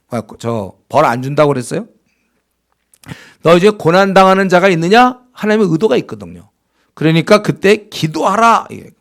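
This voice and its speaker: A man's voice: on the high side, creaky. A man preaching a sermon as pastor, in a conversational style that acts out complaining believers in a raised voice.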